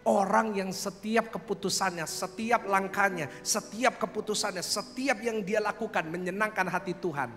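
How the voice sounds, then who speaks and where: Young male pastor, high bright voice, animated sermon, reverberant church hall, soft music. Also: moderate pace, few pauses. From Indonesia. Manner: animated preaching, calls to congregation, acts out quotes.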